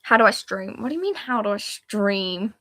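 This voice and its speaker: A woman's voice: mid-range voice, animated, moderate pace, fairly bright tone, no echo, studio quality. A woman live-streaming while she draws on a laptop, chatting casually and narrating each step, often trailing off mid-thought. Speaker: livestreaming artist. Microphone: laptop mic.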